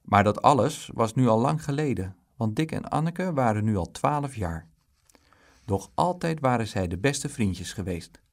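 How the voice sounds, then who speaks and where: A man narrating a children's storybook in an expressive, lively way. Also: mid-range voice, measured pace. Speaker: audiobook reader.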